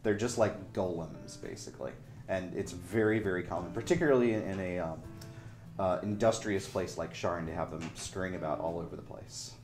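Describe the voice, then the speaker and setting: A man's voice: deep voice, a little fast, a little mellow, reverberant, faint music behind. A man acting as game master, narrating a tabletop game and joking between character voices.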